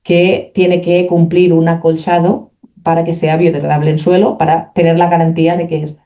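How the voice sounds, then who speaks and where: A speaker giving a technical presentation for a company, explaining carefully while often pausing to search for words. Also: medium pitch, little pitch movement, dark tone. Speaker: company representative presenting a product. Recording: dull lo-fi recording.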